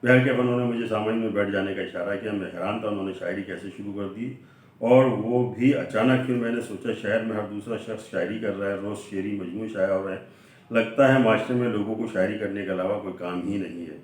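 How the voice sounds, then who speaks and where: A man reading aloud a humorous prose sketch in a measured storytelling manner, slipping into quoted dialogue as he goes. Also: fairly low pitch, fairly even intonation. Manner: measured storytelling delivery, voicing quoted dialogue within the narration. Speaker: reader of a humorous essay. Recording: very echoey room, voice from far off the mic.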